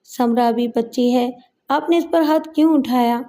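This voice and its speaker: A woman reading the part of a loving, hurt stepmother with soft, pleading speech in a story. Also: a little high, natural voice. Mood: soothing.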